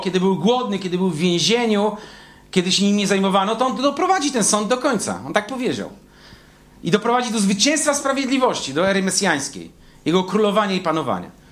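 A man preaching a sermon in an animated, emphatic way, stretching out key words. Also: sits high.

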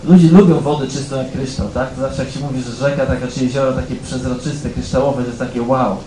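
A man preaching a sermon in a conversational way, often checking in with the congregation and growing louder as he reads scripture aloud. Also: medium pitch, steady tone, fast, echoey room, slight background noise, poor audio. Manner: conversational, keeps asking "tak?" of the congregation; rises louder when reading scripture aloud.

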